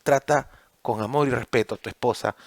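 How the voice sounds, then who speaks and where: A man with a Peruvian Spanish accent preaching a sermon as pastor, swinging between raised, emphatic lines and hushed, pleading ones. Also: mid-range voice, fairly quick, dry recording, clean studio sound.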